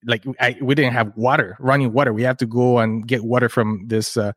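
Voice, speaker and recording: A man's voice: mid-range voice, steady tone, fairly quick, fairly bright tone, no echo, clean studio sound. Man telling his story. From Chile. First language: Spanish. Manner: earnest, rambling, often restarts words. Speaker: podcast guest, entrepreneur. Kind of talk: casual interview storytelling.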